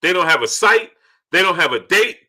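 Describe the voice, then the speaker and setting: A man hosts a livestream exposé in a very sharp, forceful voice that sits high for a man. He is smug and sarcastic, throwing out mocking rhetorical questions and repeating phrases to drive each point home. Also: lively intonation, a little fast. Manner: emphatic, repeats phrases for effect. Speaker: host of a boxing commentary livestream. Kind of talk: opinionated boxing commentary to a live audience.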